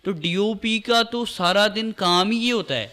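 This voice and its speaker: Young guy chatting as a guest, kinda high and bright voice, earnest, keeps saying bro. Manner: earnest and emphatic, calls the host "bro". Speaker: guest, social media creator and actor. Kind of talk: casual chat.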